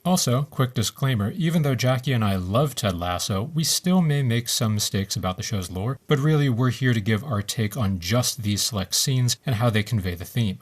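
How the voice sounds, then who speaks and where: A man co-hosting a podcast, explaining screenwriting theory in a measured, lecturing way. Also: medium pitch, lively intonation. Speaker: podcast co-host. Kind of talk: explaining screenwriting, reading script scenes.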